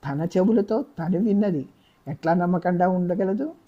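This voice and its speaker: A woman narrating a novel in a steady, measured storytelling manner. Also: fairly low pitch, dull audio. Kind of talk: audiobook novel reading.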